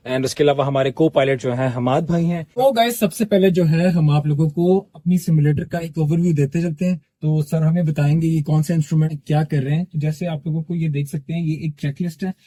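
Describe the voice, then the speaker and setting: A man's voice: a little high, fairly quick, hardly any pauses, warm tone, dry recording. A man with a Pakistani accent hosting a vlog, addressing viewers casually and using lots of fillers. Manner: addresses viewers as guys, uses filler "jo hai". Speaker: vlog host.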